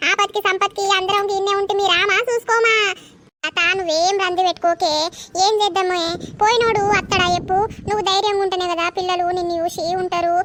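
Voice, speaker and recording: Brisk bossy cartoon village woman, Telangana Telugu accent, rapid shrill delivery, a woman voicing her. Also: steady tone, fairly bright tone, a little hiss or hum. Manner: brisk, scolding, giving orders. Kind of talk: animated village comedy dub.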